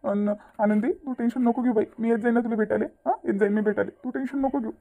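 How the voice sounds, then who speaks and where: A woman voicing a gentle, reassuring middle-aged village father in a cartoon, speaking in soothing, drawn-out speech. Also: on the high side, fairly even intonation. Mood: comforting. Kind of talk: cartoon voice acting.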